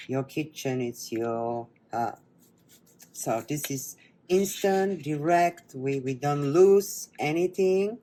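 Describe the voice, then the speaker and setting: A wellness teacher from Bulgaria, she has a Bulgarian accent and a low voice with lively intonation. She leads a guided breathing meditation followed by a cooking demo, speaking slowly and softly and often slipping into whispers.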